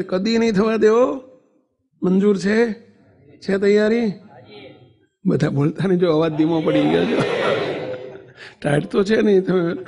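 A man preaches to a temple congregation in a high, gravelly voice. He tells his stories with animation, acts out the people he quotes and keeps asking the listeners for answers. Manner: animated storytelling, acts out quotes, asks the audience questions. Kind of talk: devotional sermon to a congregation. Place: temple assembly hall.

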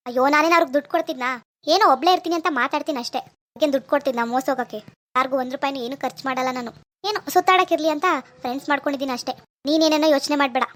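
A woman's voice: sits high, a bit bright. A woman voicing a vain, carefree young wife who talks in a boastful, defiant way. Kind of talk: cartoon voice acting.

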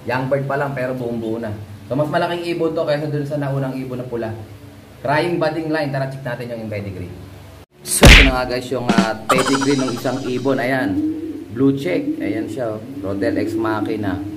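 A man's voice: mid-range voice, moderate pace, a bit bright, soft background music. A man from the Philippines, casually showing pigeons and their pedigrees to viewers, often calling them guys. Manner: chatty, keeps addressing viewers as guys. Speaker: pigeon breeder and vlogger. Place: pigeon loft with birds around. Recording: noisy loft with bird sounds. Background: pigeons cooing.

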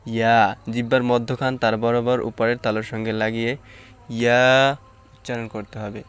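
Man, letter-by-letter teaching, very smooth clear voice, level tone. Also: medium pitch. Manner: drawn-out, louder model sounds between calm explanations. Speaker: Quran teacher. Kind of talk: slow step-by-step pronunciation lesson.

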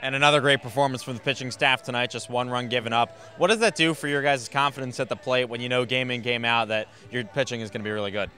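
A man's voice: medium pitch, fairly even intonation, fast, hardly any pauses, pushed and bright. A young man hosting a postgame sports show and interviewing a player, outdoors on a field with a handheld mic, in a polished broadcast delivery. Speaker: host and interviewer.

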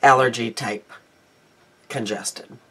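With a bass voice that's a bit bright and breathy, a woman in her fifties takes her time and keeps a steady tone. She's a beauty vlogger rambling about her day and makeup in a daily vlog, sounding congested and saying um often. The recording is from a close webcam in her small home room.

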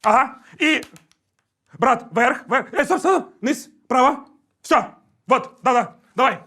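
Young man, high-pitched, bright tone, slow unhurried pace, barks repeated directions, laughs and swears. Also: expressive. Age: young adult. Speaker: game show contestant. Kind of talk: directing a teammate in a party game.

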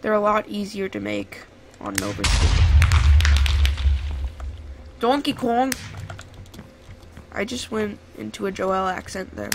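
A young man giving rambling, excitable gameplay commentary to his viewers from home. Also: high voice, creaky. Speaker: gaming YouTuber. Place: home room. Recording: noisy home mic with keyboard clicks. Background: keyboard typing and clicks.

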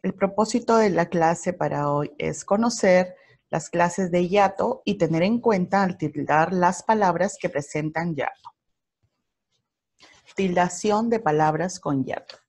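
A woman with a Peruvian Spanish accent teaching a recorded primary school grammar lesson, explaining slowly and carefully with worked examples. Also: fairly low pitch, a little mellow.

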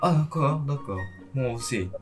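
A man's voice: mid-range voice, lively intonation, moderate pace, over music. A man, chatting casually and playfully with strangers as a video host. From Japan. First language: Japanese. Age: 20s. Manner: friendly, playful, switches languages easily. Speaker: language-learning video host.

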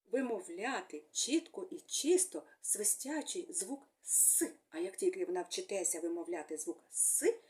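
A woman speech therapist giving a gentle, sing-song speech lesson to young children, using fond little words for them. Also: mid-range voice.

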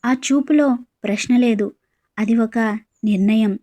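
A woman storyteller reads an audio drama at a slow, measured pace. Her voice is mellow and soft, sitting somewhat high for a woman. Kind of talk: storytelling narration.

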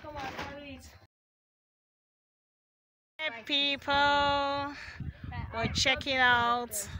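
A woman in her thirties with a Nigerian accent films her family vlog on a handheld phone camera, moving between an outdoor yard and an indoor kitchen, chatting playfully and laughing often. Her voice is high-pitched with little pitch movement and extremely slow. The audio is noisy, with a distant mic and crowd noise.

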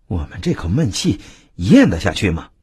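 A man's voice: sits low, wildly swooping pitch, normal speed, dark tone, slightly rough, dry recording, clean studio sound, exaggerated voice. A man doing a hot-tempered indignant patron.

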